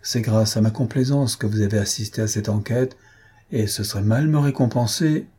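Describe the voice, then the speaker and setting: A man's voice: fairly low pitch, moderate pace, warm tone, slightly rough. Man reading a stern, suspicious judge. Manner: curt, suspicious questioning. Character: stern middle-aged male investigating judge. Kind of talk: audiobook character reading.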